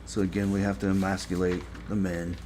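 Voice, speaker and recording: A man giving a casual spoken review, rambling and halting with many fillers and restarts, blunt and critical. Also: sits low, level tone, a little mellow, slight background noise. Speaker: show reviewer.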